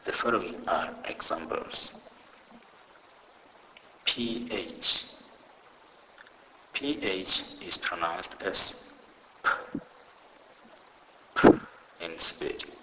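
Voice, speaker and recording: A man teaching pronunciation in a scripted lesson, deliberately saying each example word twice. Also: sits low, long reverb tail, noisy background. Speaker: language teacher.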